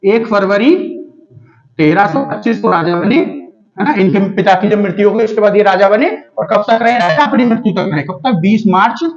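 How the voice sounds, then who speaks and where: A man's voice: high-pitched, normal speed, music in the background. A man teaching a casual history lesson for exam students, asking himself questions and answering them, checking in with listeners often. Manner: rhetorical questions answered himself, frequent checks like "theek hai". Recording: dull lo-fi recording.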